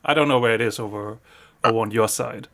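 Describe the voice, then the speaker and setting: A man from Denmark with a Danish accent, co-hosting a podcast in casual chat, talking haltingly with many restarts. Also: mid-range voice, creaky, fairly bright tone. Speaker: podcast co-host.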